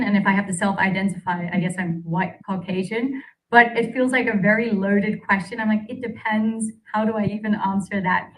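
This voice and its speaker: Lively conversational woman from South Africa. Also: mid-range voice, low-quality recording. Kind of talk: panel discussion.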